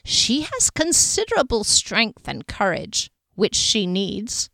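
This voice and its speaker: A woman voicing a patronizing male wizard diviner with a nasal, sibilant voice and slow, knowing pronouncements. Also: mid-range voice, wildly swooping pitch, creaky, sharp tone, dry recording, clean studio sound, heavily acted. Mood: ominous.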